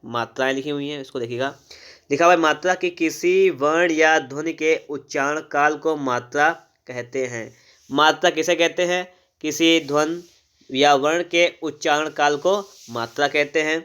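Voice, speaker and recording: A man's voice: fairly high pitch, fairly bright tone, smooth. A man teaching a grammar lesson, reading from a book and explaining step by step, often asking a question and answering it himself.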